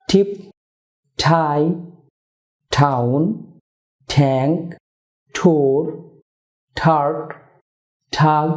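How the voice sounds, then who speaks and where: Guy teaching pronunciation, slightly high mellow voice, reads word lists slow. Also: rough recording. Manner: measured, addresses the viewer over and over. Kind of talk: scripted lesson narration.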